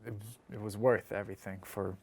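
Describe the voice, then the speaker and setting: A man's voice: on the low side, level tone, a little fast, slightly rough. A man playing a worn-out young man who admits he can be cold, speaking in a subdued, weary way in a drama reading. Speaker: actor. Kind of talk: staged radio-style drama reading.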